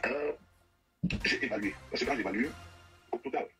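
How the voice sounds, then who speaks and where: A man's voice: mid-range voice, normal speed, a bit bright, soft background music, low-quality recording. A man giving a heated personal account in an interview, insistent, often repeating and stumbling over his words. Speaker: guest telling of a money dispute with an artist.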